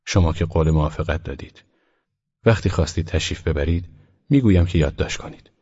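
A man reading aloud, voicing a poised, well-bred young woman who speaks with lifted pitch. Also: warm tone, breathy edge, dull audio. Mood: earnest. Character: woman narrator, refined young lady.

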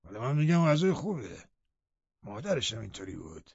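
A man's voice: mid-range voice, big pitch swings, vocal fry, a little mellow, husky, no room sound, muffled recording, full character voice. A man voicing a grumbling, sour old male servant in an audiobook, with a disapproving manner. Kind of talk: audiobook character reading.

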